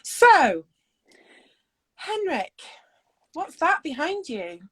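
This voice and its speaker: A woman's voice: very high-pitched, sing-song, very slow, a bit bright. A woman hosting a casual video call interview, chatty and giggly with lots of fillers. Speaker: host.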